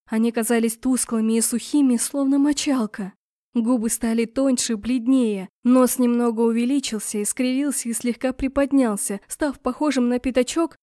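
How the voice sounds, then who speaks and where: A woman with a fairly high voice narrates a first-person storybook, reading expressively as the heroine. The sound is close and dry, with no room around it. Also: warm tone, dry recording. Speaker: audiobook narrator.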